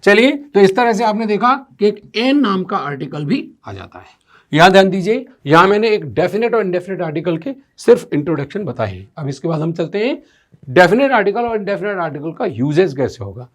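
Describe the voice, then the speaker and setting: A man teaches English grammar step by step in a classroom-style lesson, often posing rhetorical questions and reading English sentences aloud. His voice is high-pitched, very animated, and brisk.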